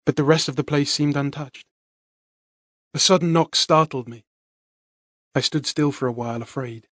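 A man narrating a first-person fantasy audiobook in a measured, dramatic read. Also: on the high side, a bit bright, no echo, studio quality.

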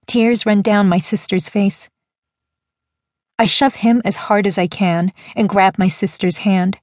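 A woman narrating a first-person audiobook in a measured, even storytelling manner. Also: mid-range voice, no room sound, clean studio sound.

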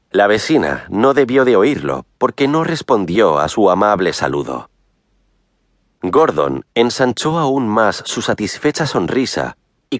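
A man reads a comic novel aloud in a low voice that swings up and down with animated expression. His telling is wryly ironic, praising with a mock-admiring air. The recording is dry and close. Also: dry recording. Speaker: audiobook narrator. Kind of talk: scripted audiobook narration.

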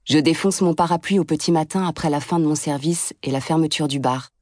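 A woman's voice: low voice, fairly quick, darkish tone, no echo, studio quality. A woman reading an audiobook as a blunt, sardonic first-person narrator.

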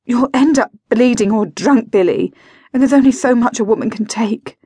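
A woman voicing a bitter, sardonic 45-year-old wife and mother who is seriously ill, speaking dryly with sharp outbursts, in a dry close recording. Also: a little high, moderate pace, slightly rough, no echo, pitched above the performer's own voice. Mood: weary.

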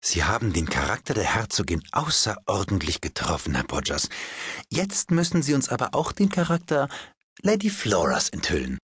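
A man's voice: on the low side, sing-song, moderate pace, fairly bright tone, slightly rough, no echo, exaggerated voice. A man voicing a witty, chattering society hostess in an audiobook. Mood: teasing. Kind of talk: audiobook character voice.

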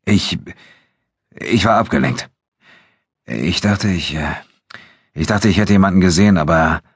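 A man voicing a weary, wary adult swordsman who speaks in a tense, urgent and slightly halting way. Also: low-pitched, breathy edge, no echo, clean studio sound, voice pushed up, full character voice. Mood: flustered.

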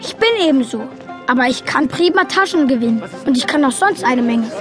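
Loud music and a noisy crowd sit under this high, animated, slightly fast voice. It belongs to an actor playing the narrator and lead of a children's audio drama, an earnest, quirky young boy who explains his story plainly and childishly.

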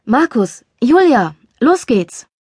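A woman voicing an affectionate, teasing young boyfriend, speaking low and hushed in an audiobook. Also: sing-song, slow pace, slightly rough, no echo, clean studio sound, full character voice. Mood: tender, teasing.

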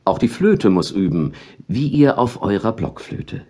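A man narrating a children's story with a lively, expressive delivery. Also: on the low side, unhurried, soft background music. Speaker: audiobook narrator.

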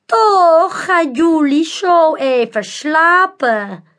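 A woman's voice: very high voice, expressive, a bit bright, voice pushed up, full character voice. A woman voicing a sly, theatrical male circus magician in a children's storybook, drawing out every word like a showman. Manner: slow, drawn-out, showman's delivery. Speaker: audiobook narrator.

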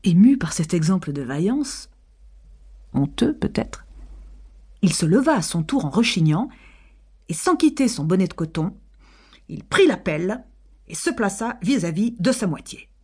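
A woman narrating a classic tale as an audiobook reader, in a husky, measured and expressive voice. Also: mid-range voice. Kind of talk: scripted literary narration.

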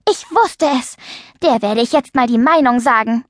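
A woman voicing a spirited, quick-tempered young girl who speaks in a high, upset voice. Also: no echo, clean studio sound, natural voice.

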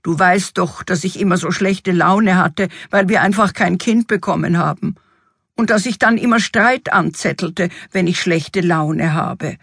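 A woman voicing an excitable, fussy fairy-tale king in a storybook reading, with an exuberant, exclamatory manner. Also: lowish voice, unhurried, creaky, husky, dry recording, studio quality, heavily acted. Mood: grumbling.

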